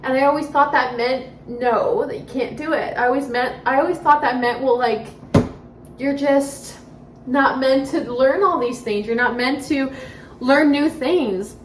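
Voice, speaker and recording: A woman's voice: high-pitched, measured pace, distant mic. A stay-at-home mom chatting casually to camera in her home kitchen, a dramatic talker who laughs often. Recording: echoey room, voice off-mic, faint background noise.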